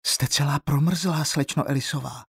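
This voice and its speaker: A man's voice: fairly high pitch, fairly even intonation, creaky, slightly rough, no room sound, clean studio sound, voice pushed up, full character voice. A man reading an audiobook, voicing a frightened teenage schoolgirl who asks urgent, breathless questions. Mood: anxious. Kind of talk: audiobook character voice.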